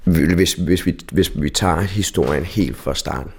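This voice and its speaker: A man recalling a painful event, halting and often repeating and restarting his phrases. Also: low voice, darkish tone, breathy edge. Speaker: interviewee, bereaved brother. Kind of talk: emotional recollection.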